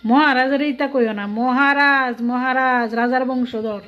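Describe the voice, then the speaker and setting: A woman's voice: high-pitched, fairly even intonation, a little slow, clean tone. A woman delivering a sarcastic political rant full of rhetorical questions. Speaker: political vlogger. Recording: dull lo-fi audio.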